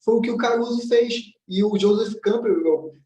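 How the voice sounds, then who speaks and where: A man's voice: high-pitched, normal speed, warm tone, far from the mic. Man, commented-reading teacher, blunt and direct delivery, recorded off-mic in a roomy space. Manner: blunt and direct, acts out quoted voices. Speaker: teacher of self-knowledge. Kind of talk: commented book reading lesson.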